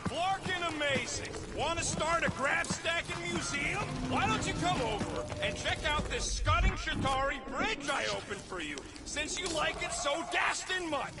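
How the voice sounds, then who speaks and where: Rocket, a high-pitched, irascible little creature. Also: male voice, expressive, moderate pace, hardly any pauses, over loud music. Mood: sarcastic, angry. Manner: snappy, sarcastic, griping. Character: small, irascible male creature, foul-mouthed gun-toting mercenary. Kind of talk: video game voice acting.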